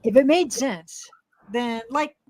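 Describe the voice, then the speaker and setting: A woman hosts a relaxed live panel and laughs easily as she chats. She greets viewers by name between remarks. Her voice is dry and close to the mic. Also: on the high side, slow pace, dry recording. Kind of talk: casual chat.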